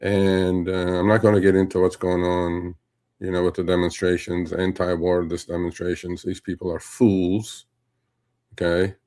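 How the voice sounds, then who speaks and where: Man, middle-aged, from Turkey, deep voice, monotone, dark mellow tone, casual livestream commentary, lots of fillers. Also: normal speed. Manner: rambling, conversational, many fillers and asides. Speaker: host.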